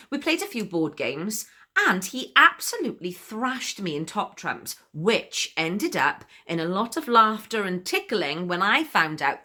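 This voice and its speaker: A woman's voice: on the low side, sharp tone, heavily acted. An actress playing a chatty, giggly woman who confides her story in a comic spoken monologue and laughs often between sentences. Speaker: monologue performer.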